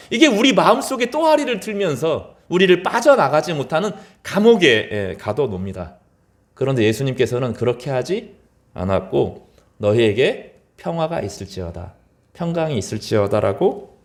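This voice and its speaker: A middle-aged man preaching a sermon as pastor, his voice rising high in quoted lines and dropping low at the end of phrases.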